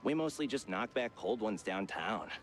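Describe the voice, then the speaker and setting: Man voicing a jumpy mouse stage designer, chummy and evasive, pitch all over the place, faint noise behind. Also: expressive, moderate pace, lightly acted. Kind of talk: cartoon game voice acting.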